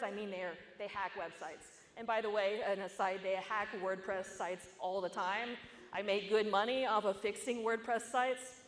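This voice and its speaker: A fairly high-pitched woman presents at a security conference, keeping it casual and conversational with frequent asides. Her voice carries a long reverb from the large hall around her. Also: fairly bright tone, slight background noise. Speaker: conference speaker.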